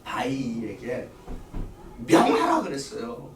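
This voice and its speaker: A man's voice: mid-range voice, wildly swooping pitch, slow, crowd noise. A middle-aged man leading a church Bible study, lecturing and firing questions at the class before answering them himself. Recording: echoey room, voice from a distance.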